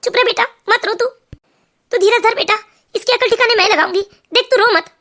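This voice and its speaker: Woman doing a bossy older mother-in-law in a cartoon story, firm and protective, high bright voice. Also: normal speed, full character voice. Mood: firm, comforting. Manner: firm, comforting, scolding.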